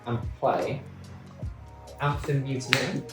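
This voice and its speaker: A man playing a card game, talking through his cards with hesitant pauses. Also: medium pitch. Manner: explains cards, hesitant fillers. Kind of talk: casual game banter. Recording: echoey room, music behind. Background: music.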